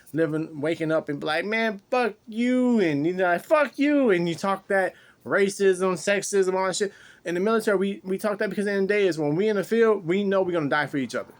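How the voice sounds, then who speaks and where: A man's voice: fairly high pitch, fast talker. Rambling man, heartfelt and sweary. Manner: rambling, repeats and restarts phrases; frequent casual swearing. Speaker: podcast host, military veteran. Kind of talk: casual heartfelt monologue to listeners.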